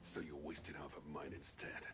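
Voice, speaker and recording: An actor playing a sharp-tongued, bitter male village chief with a gravelly voice. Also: rumbling low, flat delivery, moderate pace, music in the background.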